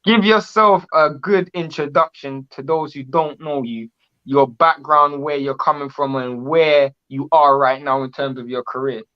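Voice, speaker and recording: A man's voice: fairly high pitch, unhurried, clear, resonant tone, muffled recording. A man hosting a casual boxing interview, asking rambling, enthusiastic questions with restarts. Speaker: boxing channel host.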